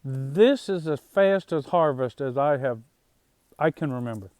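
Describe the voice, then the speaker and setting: A man talking casually to his viewers about the harvest and farm life, in an unhurried, halting way with plenty of fillers and restarts. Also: medium pitch, animated, a little mellow, dry recording. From Northwest Indiana, USA. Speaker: farm vlogger. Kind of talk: casual rambling monologue.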